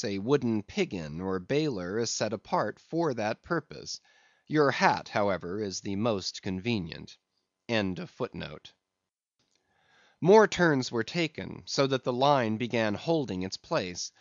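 A man narrating an old novel aloud in a measured, expressive storytelling manner. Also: mid-range voice, dry recording. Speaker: audiobook narrator. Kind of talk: scripted narration. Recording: dull, dry lo-fi recording.

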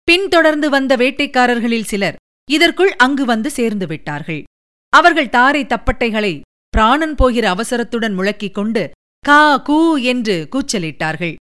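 A woman narrating an audiobook of a historical novel in an even, measured storytelling manner. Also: fairly high pitch, clean tone.

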